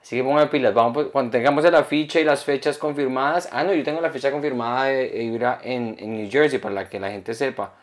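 A young man co-hosting a comedy podcast, telling stories in a lively, rambling way. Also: medium pitch, fast talker, hardly any pauses. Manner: animated, rambling storyteller. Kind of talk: casual podcast chat.

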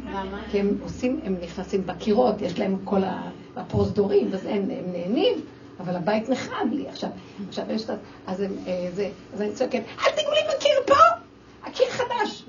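A woman's voice: medium pitch, gravelly. An older woman giving an emotional religious talk to a group, exclaiming and acting out her own scolding of children. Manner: animated, exclaiming, acts out quoted scolding. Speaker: speaker addressing a women's audience. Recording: distant, dull lo-fi with faint noise.

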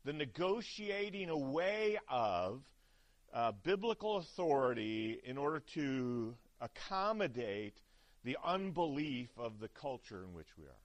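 A man's voice: mid-range voice, big pitch swings, unhurried. A man preaching a chapel sermon at a seminary, talking conversationally with frequent "right?" checks and restarts.

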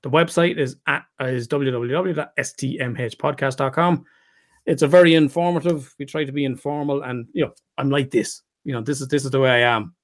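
A talkative middle-aged man who tells a story at an easy, relaxed pace. He repeats his words as he goes and swears without a second thought. His voice sits at a moderate, everyday pitch. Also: fairly quick. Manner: chatty, swears casually, repeats words, laughs along. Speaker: therapist and podcast guest. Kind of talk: casual storytelling chat.

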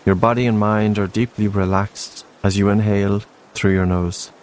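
A man narrating a slow guided breathing meditation in a soft, soothing, unhurried way. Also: fairly low pitch. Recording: faint steady background noise. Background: soft green-noise ambience.

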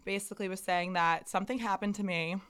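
A woman's voice: medium pitch, fairly even intonation, fast, fairly bright tone, clear, resonant tone. A young woman in her twenties co-hosting a podcast, talking in a candid, rambling and self-deprecating way with lots of fillers. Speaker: podcast co-host. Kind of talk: casual chat.

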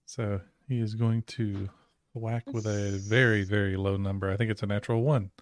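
A man's voice: lowish voice, little pitch movement, moderate pace, no echo. A man playing a tabletop game, talking casually with many hesitations. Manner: hesitant, lots of ums. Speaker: player.

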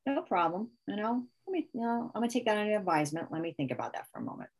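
A woman's voice: mid-range voice, sing-song, rapid-fire, slightly rough. A woman, a mother, explaining parenting techniques in a casual interview, often acting out example phrases she would say to a child. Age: adult parent. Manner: talks through ideas with many restarts and quoted one-liners. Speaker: parenting expert guest.

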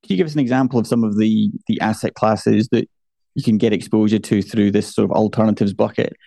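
Fast-talking, mellow man co-hosting a podcast. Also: fairly low pitch, steady tone, gravelly. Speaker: podcast co-host. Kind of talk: casual podcast discussion.

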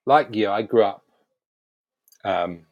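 Kiwi guy chatting on a podcast, lowish voice, dry close sound, blunt and swears a bit. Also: slow pace, a little mellow, no echo, lo-fi sound. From New Zealand. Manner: frank, emphatic, swears casually. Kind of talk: casual conversational podcast chat.

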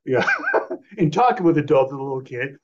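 A man's voice: mid-range voice, expressive, fairly quick, darkish tone. A middle-aged man telling a personal story as an interview guest, in a loose, rambling way, acting out old phone calls in different voices. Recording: slightly dull lo-fi audio.

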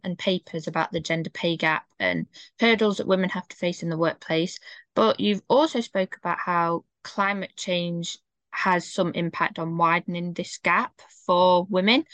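A woman's voice: fairly low pitch, normal speed, a bit bright, no echo. A woman from the UK hosting a podcast, introducing a guest and asking long questions. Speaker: podcast host. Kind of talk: podcast interview.

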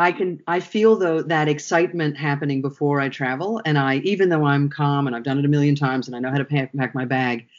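A man with a fairly high voice reflects aloud on his teaching, circling back and restarting his sentences as the thoughts form. He speaks in a relaxed, conversational interview style. The recording sounds dull and lo-fi. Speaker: guest, workshop trainer.

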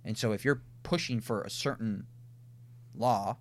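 A man's voice: on the low side, measured pace. A man with a Minnesota accent, co-hosting a conversational podcast and explaining ideas step by step, often thinking aloud through restarts and lists. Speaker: podcast co-host. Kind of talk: casual conversational podcast discussion.

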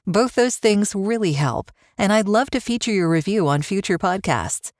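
A woman's voice: medium pitch, lively intonation, moderate pace, no echo, studio quality. A woman hosting a podcast interview, who laughs easily and speaks appreciatively. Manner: warm, laughs often, appreciative. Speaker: podcast host.

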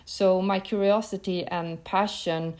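A woman's voice: mid-range voice, steady tone, measured pace, a little mellow. A woman in her fifties from northern Sweden, a Swedish native speaker answering questions as a professor in a podcast interview, careful and earnest with slightly non-native phrasing. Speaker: guest, professor of entrepreneurship.

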